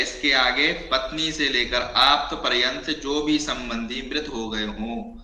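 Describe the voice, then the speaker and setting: Slow bright-voiced male ritual teacher. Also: mid-range voice, echoey room, rough recording. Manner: slow, chants Sanskrit formulas then explains in Hindi. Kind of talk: online class teaching ritual recitation.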